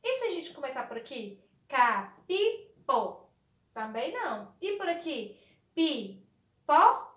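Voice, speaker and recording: A woman's voice: high voice, very animated, roomy sound. A woman teaching a literacy lesson to young children with a Brazilian Portuguese accent, speaking in a sing-song way and answering her own questions. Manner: sing-song, slow and drawn out, asks questions and answers them herself. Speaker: primary school teacher.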